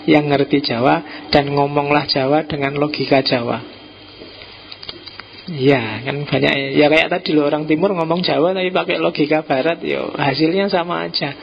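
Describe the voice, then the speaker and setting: A middle-aged man with a Javanese accent giving an informal philosophy lecture in a relaxed, joking way, dropping in local words. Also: on the high side, vocal fry. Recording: dull lo-fi recording with faint noise.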